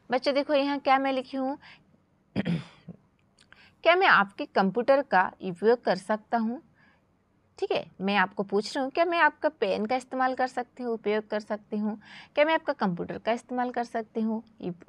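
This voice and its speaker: Woman teacher, lively and somewhat high, dry close sound; drills slow, stressed English examples for her class. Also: dry recording. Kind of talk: grammar lesson.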